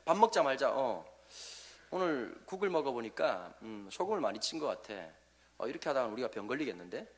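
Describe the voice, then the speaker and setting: A man voicing a nitpicking husband who picks at his wife's cooking in a slow, low mutter full of hesitant fillers. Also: big pitch swings. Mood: grumbling. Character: nitpicking middle-aged husband grumbling about dinner.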